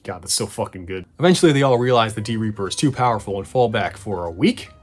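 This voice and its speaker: A man's voice: lowish voice, lively intonation, quick pace. A man narrating a casual, sarcastic video recap in a conversational way. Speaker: host of a video retrospective. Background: background music.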